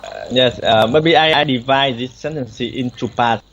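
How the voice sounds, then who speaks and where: A man's voice: medium pitch, a bit bright, slight background noise. Hesitant male learner on a dull call. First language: Vietnamese. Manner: halting, many fillers, self-corrections. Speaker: student. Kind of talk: online speaking lesson. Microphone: video call.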